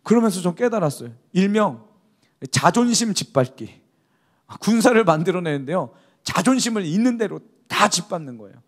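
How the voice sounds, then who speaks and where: A male pastor delivering a youth service sermon with a high voice that swoops up and down. He exhorts his listeners and keeps calling for their amens. He talks to them directly, in an expressive way. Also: normal speed. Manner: exhorting, calls for amen.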